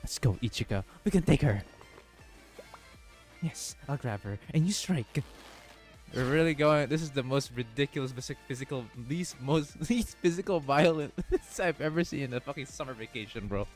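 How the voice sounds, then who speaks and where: A man reading a game story aloud and breaking off for excited, profane reactions. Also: mid-range voice, moderate pace, faint music behind. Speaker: gaming streamer.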